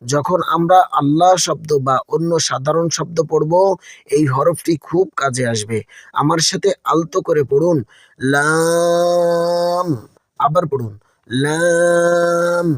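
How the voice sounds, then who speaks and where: A man's voice: fairly high pitch, normal speed, dry recording, studio quality. A man teaching a Quran lesson, patiently repeating each instruction and addressing his listeners as friends.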